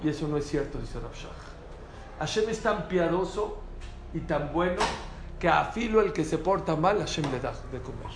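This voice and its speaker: A man teaching a lively Torah class to a small group, asking rhetorical questions and repeating phrases for emphasis. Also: fairly high pitch, normal speed. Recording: roomy echo, faint background noise.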